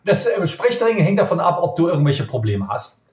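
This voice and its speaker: A middle-aged magician from Cologne with a Cologne accent, answering interview questions emphatically and tagging points with quick questions. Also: male voice, a little high. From Cologne, Germany. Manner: emphatic, lively, frequent "ja?" tag questions. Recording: roomy, dull lo-fi sound.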